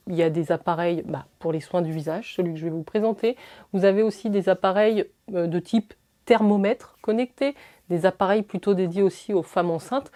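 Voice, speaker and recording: A woman's voice: mid-range voice, mellow. A French woman beauty vlogger chatting through a product review, enthusiastic, with many fillers and restarts.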